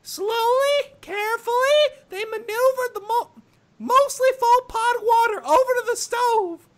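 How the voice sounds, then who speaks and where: A woman voicing a squeaky, cheerful cartoon mouse in a strained falsetto while reading a story aloud. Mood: squeaky narrating. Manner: squeaky Mickey Mouse-style falsetto, slow storybook delivery. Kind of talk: comic fan fiction read-aloud.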